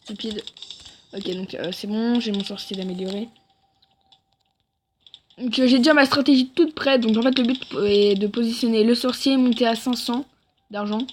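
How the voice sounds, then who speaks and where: A woman talks through her own gameplay in a loose, rambling commentary, stopping often to correct herself. Her voice sits a little on the high side, with a faint hiss of noise behind it. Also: moderate pace, long pauses. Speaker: gaming video creator.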